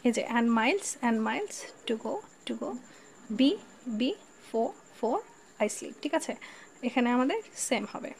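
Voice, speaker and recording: A woman with a Bangladeshi accent giving an exam-prep English literature lesson. She mixes Bengali and English, reads lines slowly, and checks in with her students often. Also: on the high side, lively intonation, vocal fry, a little hiss or hum.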